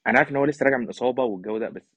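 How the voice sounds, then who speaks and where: Speaking rapid-fire in a mid-range voice that is a bit bright and slightly rough, an Egyptian man weighs in on football in Egyptian Arabic as an opinionated podcast guest. He is casual but emphatic, and the line is thin and phone-like with a touch of room.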